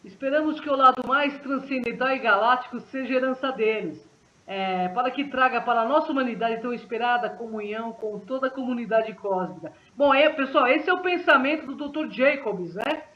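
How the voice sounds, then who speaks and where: A man's voice: very high-pitched, fairly quick. A man co-hosting a paranormal talk show, speaking conversationally with fillers and small restarts. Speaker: co-host. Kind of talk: casual talk-show commentary. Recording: dull, roomy recording.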